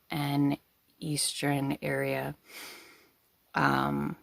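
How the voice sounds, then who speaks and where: A woman's voice: low voice, gravelly, dry recording. A woman hosting a casual storytelling video, giggly and rambling as she talks to her viewers. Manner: giggly, breaking into laughter while talking.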